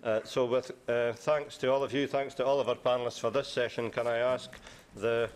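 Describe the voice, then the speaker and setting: A man chairing a conference session, hesitant and filling pauses with uh. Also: mid-range voice, little pitch movement, a little hiss or hum. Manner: hesitant, lots of uh fillers. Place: conference room.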